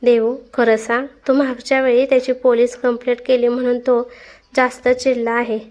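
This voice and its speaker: A woman's voice: fairly high pitch, flat delivery, normal speed, a little mellow, natural voice. A woman voicing a caring young woman roommate who asks soothing, concerned questions.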